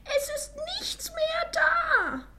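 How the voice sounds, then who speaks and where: A woman voicing a tiny, whiny baby bear cub with a high, squeaking, tearful voice. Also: sing-song, drawn-out words, sharp tone, slight background noise, full character voice. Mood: wailing.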